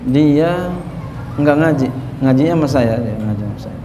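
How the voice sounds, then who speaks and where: Expressive and mellow, a little high, and at normal speed, a man delivers a conversational sermon on a religious text. Teasing remarks to the congregation punctuate it, and the hall adds long reverb with a faint ambient hum.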